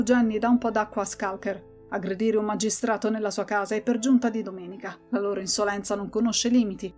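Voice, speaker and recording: A woman's voice: medium pitch, darkish tone, natural voice. A woman reading a pompous old magistrate.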